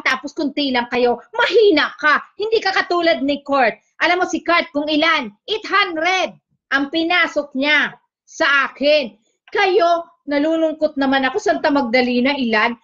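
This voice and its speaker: A woman's voice: sits high, sharp tone. A woman hosting a casual livestream, chatting, teasing her guest and reading out viewer comments. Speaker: livestream host. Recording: dull lo-fi stream audio.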